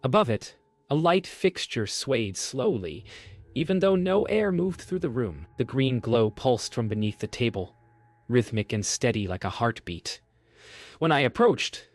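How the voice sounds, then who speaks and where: Low-pitched man narrating a scripted horror story. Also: no echo.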